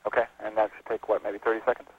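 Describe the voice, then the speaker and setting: Launch director heard over a radio loop: a man with a low voice, methodical and clipped, on a dry narrow line. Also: level tone, racing, slightly rough, no echo. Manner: methodical, asks short procedural questions. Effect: radio comms loop transmission. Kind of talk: mission control loop communications.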